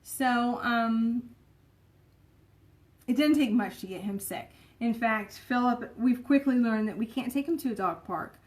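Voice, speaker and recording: A woman talks in a loose, rambling way, full of fillers and little asides. Her voice sits a touch high. It sounds like an easy, unscripted home vlog chat. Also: measured pace, darkish tone. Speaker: vlogger. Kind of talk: casual chat.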